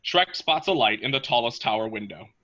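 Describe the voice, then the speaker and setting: A man's voice: mid-range voice, lively intonation, brisk, pushed and bright, muffled recording. A man reading stage directions as scripted narration between the characters' lines.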